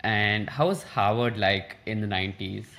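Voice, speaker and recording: A man's voice: on the low side, normal speed, vocal fry, a bit bright. A man hosting an interview, asking questions and affirming the guest attentively. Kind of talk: interview questions and brief backchannels.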